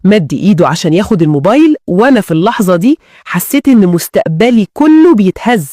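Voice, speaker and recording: A woman narrating a tense first-person story in a hushed storytelling manner. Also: medium pitch, sing-song, fast, no echo, studio quality.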